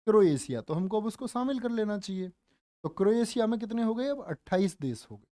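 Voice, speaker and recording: A man teaching a live online general knowledge class, speaking slowly and deliberately, repeating facts and quizzing his viewers, with joking asides. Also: high-pitched, dark tone, dry recording, studio quality. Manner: calls viewers "dear children", joking asides. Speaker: online exam-prep teacher.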